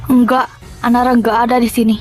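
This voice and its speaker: A woman's voice: fairly high pitch, flat delivery, a little fast, a little mellow, soft background music, natural voice. A woman voicing a stubborn middle-aged mother who scolds her son in a drama. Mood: stern.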